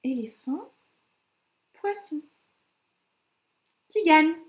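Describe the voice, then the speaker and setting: A woman teacher with a high, lively voice talks slowly to small children, tapping out each word syllable by syllable in a sing-song way. The room around her is echoey. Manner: slow, syllable-by-syllable counting with sing-song emphasis. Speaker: kindergarten teacher.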